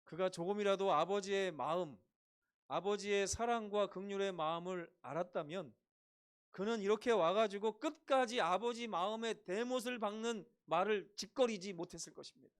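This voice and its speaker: A pastor over fifty preaching a sermon, acting out quotes with dramatic rises and drops in loudness. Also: male voice, moderate pace, clean tone. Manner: dramatic, acts out quotes with big swings in pitch and loudness.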